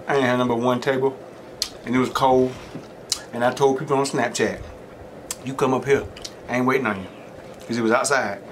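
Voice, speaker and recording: A man's voice: mid-range voice, fairly even intonation, a little fast, long pauses, a little hiss or hum. A middle-aged man with a Southern US accent chatting casually between mouthfuls as a mukbang host, in a folksy, rambling storytelling way. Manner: talks between mouthfuls of food. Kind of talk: casual chat while eating.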